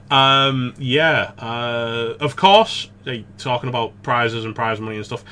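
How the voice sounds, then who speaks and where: A man co-hosting a casual gaming podcast, chatty and rambling, quick to laugh. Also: mid-range voice, sharp tone, clean tone. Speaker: podcast co-host.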